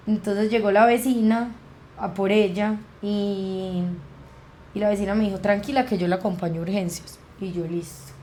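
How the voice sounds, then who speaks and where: Mellow-voiced Colombian woman telling a story. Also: mid-range voice, slight background noise. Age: young adult. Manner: vivid retelling that acts out quoted dialogue. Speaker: podcast guest. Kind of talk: personal storytelling in a conversation.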